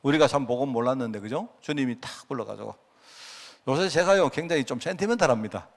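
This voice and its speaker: A man's voice: mid-range voice, animated, quick pace. A middle-aged man with a Gyeongsang Korean accent preaching a conversational prayer-meeting sermon, telling stories with frequent asides to the congregation. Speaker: pastor.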